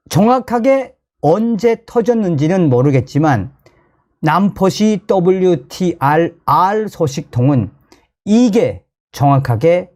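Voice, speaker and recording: A North Korean man hosts a commentary channel, his somewhat high voice carrying a North Korean accent. He presents news commentary to viewers in an excitable, emphatic style, repeating phrases often.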